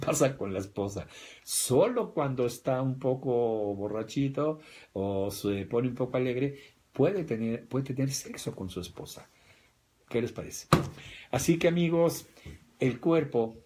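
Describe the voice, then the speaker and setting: A man's voice: medium pitch, dark tone. Emphatic Mexican man lecturing. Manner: emphatic, repetitive, addresses listeners directly. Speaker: speaker on spirituality and health. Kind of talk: livestream lecture.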